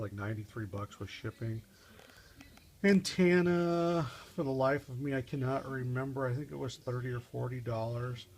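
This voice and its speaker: A man in a mid-range voice vlogs an off-the-cuff DIY car guide, hesitating and meandering as he figures things out aloud. Slight background noise can be heard.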